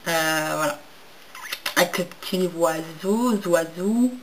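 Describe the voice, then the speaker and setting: A woman's voice: fairly low pitch, takes it slowly, noisy background. Chatty young woman reviewing makeup. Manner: hesitant, many fillers and restarts; enthusiastic about packaging. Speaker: beauty vlogger. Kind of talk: casual haul review.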